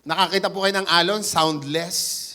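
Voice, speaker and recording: A man with a Batangas Tagalog accent preaching an animated sermon, acting out the quoted voices and switching into English now and then. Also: high-pitched, moderate pace. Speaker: pastor. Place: church.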